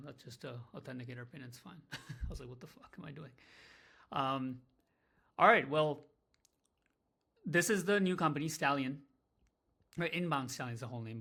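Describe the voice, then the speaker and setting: A man's voice: mid-range voice, moderate pace, vocal fry, pauses often, bright, forceful tone. A man talking candidly in a casual vlog about his small business, rambling, swearing and running himself down. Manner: rambling, candid, profane, self-deprecating. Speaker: small business owner vlogging.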